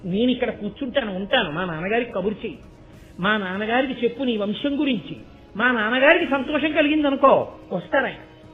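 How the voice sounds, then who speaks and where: A dutiful young prince speaks firmly in a high voice and reasons through pointed rhetorical questions, as a man puts him on while telling the story. The sound is thin and phone-like, with faint music underneath. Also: animated, fairly quick.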